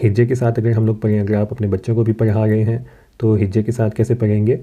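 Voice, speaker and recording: A man teaching a recorded Quran reading lesson, explaining calmly and patiently and stretching out syllables slowly when he models the words. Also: fairly low pitch.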